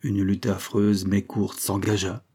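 A man narrating a historical tale as an audiobook, in a measured, dramatic reading. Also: fairly low pitch, flat delivery, mellow, slightly rough.

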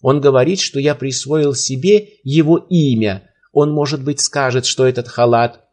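A man's voice: medium pitch, moderate pace, darkish tone, close to an everyday voice. Bold, sly trickster with a courtly mocking tone, voiced by a male reader. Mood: polite. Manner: smooth, mockingly polite.

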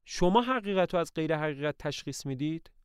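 A man's voice: fairly high pitch, expressive, clean tone, no room sound, clean studio sound, pitched above the performer's own voice, lightly acted. A man reading aloud voices an anxious aristocratic older woman who owns the estate, speaking in a plaintive, sighing way. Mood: pleading.

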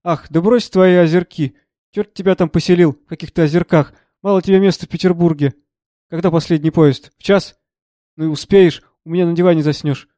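A man reading the part of a troubled, gentle elderly professor who speaks earnestly and with agitation. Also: on the high side, steady tone, brisk, no echo, clean studio sound, natural voice.

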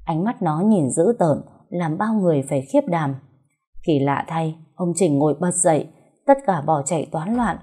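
A woman narrating a dramatic folk story in a calm, measured storytelling voice. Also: low-pitched, husky.

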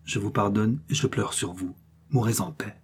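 Male reader doing an emotional young musketeer, earnest, dark-toned. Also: fairly low pitch, normal speed, husky. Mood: grieving. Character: young, impassioned male musketeer, torn and grieving.

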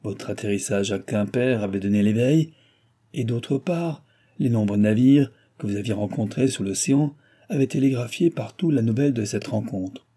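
A man's voice: medium pitch, normal speed, warm tone, husky, close to an everyday voice. A man voicing a tall, bony American doctor who speaks French with a guttural foreign accent, placid but firm and grumbling. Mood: phlegmatic.

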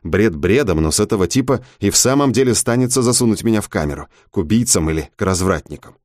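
A man reading a first-person story aloud as an audiobook narrator, in an expressive storytelling manner. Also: on the low side, fast talker, no echo, studio quality.

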